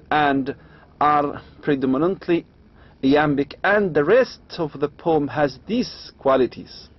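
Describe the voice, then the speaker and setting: A man with an Arabic accent lecturing on poetry, reading slowly and adding quick asides. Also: fairly high pitch, husky. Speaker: university lecturer. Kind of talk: lecture explaining English meter, mixing English and Arabic. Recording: dull lo-fi lecture recording.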